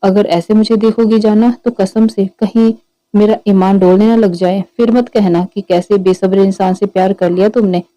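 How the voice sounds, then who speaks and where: A man's voice: high-pitched, fairly even intonation, normal speed, dark tone, dry recording, close to an everyday voice, poor audio. A woman voicing a playful, possessive young man in love who teases his fiancée. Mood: teasing.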